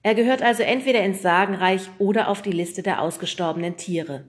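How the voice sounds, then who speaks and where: A woman narrating a children's audiobook in a lively storytelling manner. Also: medium pitch, fairly quick.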